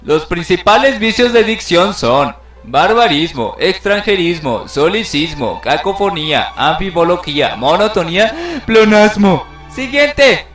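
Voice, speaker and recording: A man's voice: sits high, big pitch swings, a little slow, fairly bright tone, roomy sound, distant mic, soft background music. A man narrating an educational video in a playful, theatrical way, exclaiming in mock outrage.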